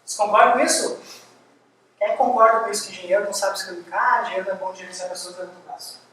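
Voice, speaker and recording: A man giving a university lecture, lively and firing quick questions at the audience. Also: high-pitched. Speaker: guest lecturer. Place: large lecture hall. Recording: echoey hall, distant mic, faint hiss.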